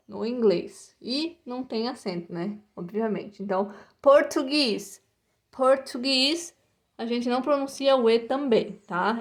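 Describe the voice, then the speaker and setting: High-voiced teacher drilling pronunciation slowly. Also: female voice. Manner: slow, repetitive pronunciation drills with frequent "tá?" and "né?". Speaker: English teacher. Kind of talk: recorded online lesson for children.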